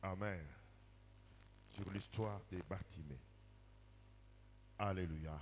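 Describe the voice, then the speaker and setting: A man preaching a sermon in French with a Congolese accent, line by line for an interpreter, calling out in bursts and then teaching in calmer phrases. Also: deep voice, slow, a little hiss or hum. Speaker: pastor.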